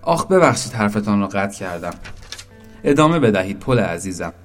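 A man voicing a small, naive wooden boat in a storybook, full of excited, eager questions. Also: fairly low pitch, faint music behind. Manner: excited, breathless questions, shouting. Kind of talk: storybook narration.

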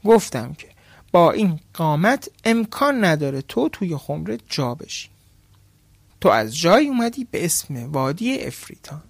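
A man's voice: a little high, big pitch swings, vocal fry, breathy edge, no room sound, exaggerated voice. A man voicing a poor, clever male fisherman who talks slyly and mockingly. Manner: sly and mocking.

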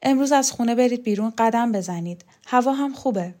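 A woman's voice: fairly high pitch, mellow, voice pushed up, natural voice. A woman voicing a strong, stern man who speaks curtly and in a commanding way. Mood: plain.

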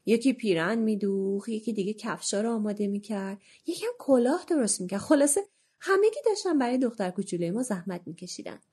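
A woman narrating a children's storybook in an expressive, animated way, with a husky voice. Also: medium pitch.

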